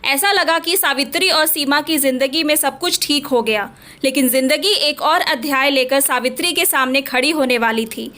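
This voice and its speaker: A woman storyteller narrating a scripted family story in a steady, dramatic way. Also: high-pitched, normal speed.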